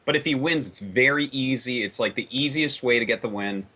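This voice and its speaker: Bright-voiced man weighing up strategy. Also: medium pitch, fairly quick. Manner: thoughtful, reasons things through. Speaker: panelist. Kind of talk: casual esports analysis chat.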